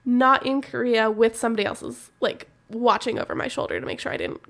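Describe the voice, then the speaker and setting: A young woman co-hosting a podcast, telling a story casually with animated, profane, laughing energy. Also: a little high, a little fast, vocal fry. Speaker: podcast co-host.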